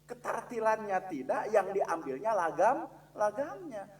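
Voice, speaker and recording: Slow-talking Sundanese religious teacher, distant mic. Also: male voice, sits high, sing-song. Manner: mixes Sundanese into Indonesian, asks listeners questions; chants Quranic verses slowly and loudly as examples. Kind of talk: mosque study lesson. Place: mosque.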